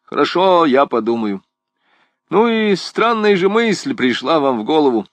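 A man's voice: big pitch swings, dry recording. A man voicing a flighty, rambling poet. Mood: musing. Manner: high-pitched, fast-shifting, wry and theatrical. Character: excitable, rambling, philosophizing male poet, young adult. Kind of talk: audiobook character reading.

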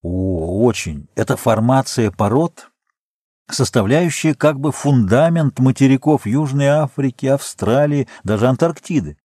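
A man reading aloud, voicing a calm, learned middle-aged geologist who explains things in a measured way. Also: mid-range voice, husky, no room sound, clean studio sound, pitched above the performer's own voice.

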